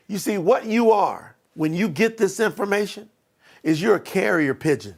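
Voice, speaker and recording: A man's voice: high-pitched, creaky. A man giving an emphatic, preachy motivational training talk as a life coach.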